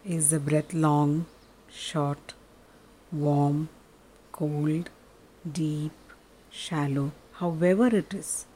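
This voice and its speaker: Slow, soft-spoken woman guiding meditation. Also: low voice, steady tone, a little hiss or hum, rough recording. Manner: slow, soft, soothing delivery with long pauses. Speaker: meditation guide. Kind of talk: guided meditation, soft and calm.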